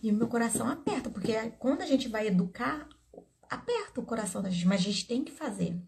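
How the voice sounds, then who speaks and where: A middle-aged Brazilian woman talks straight to her viewers in an earnest, storytelling way. Her voice sits a little high and carries a gravelly edge. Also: lively intonation, fast talker, darkish tone. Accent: Brazilian Portuguese. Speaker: therapist. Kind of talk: casual advice talk to camera.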